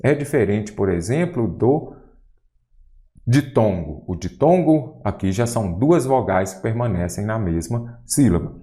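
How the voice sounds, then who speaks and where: Guy teaching grammar, lowish voice that swings all over, keeps asking the viewer questions. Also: unhurried. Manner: lively, quizzes the viewer with rhetorical questions. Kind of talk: exam-prep lesson.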